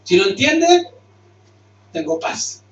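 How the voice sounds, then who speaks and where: A male pastor preaches in a relaxed, conversational way, keeps asking questions and answering them himself, and speaks a bit high for a man. He sounds set back from the mic in a roomy hall. The sound is muffled, with faint ambience behind him. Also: takes it slowly, far from the mic, slight background noise. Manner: conversational, asks and answers his own questions. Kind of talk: sermon with closing prayer.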